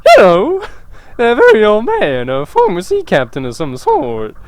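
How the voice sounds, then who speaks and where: A man voicing a chatty, gossiping small-town mother in a game, in a high, breathless falsetto. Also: wildly swooping pitch, a little slow, no room sound, heavily acted. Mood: gossipy.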